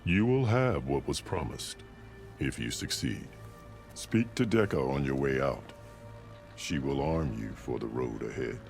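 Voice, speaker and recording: A heavily acted, expressive male voice, very deep and gravelly, plays a stern, proud warrior chief commanding his tribe in dramatic video game style. His delivery is solemn, formal, measured and declarative, with a commanding mood. Loud music plays behind him.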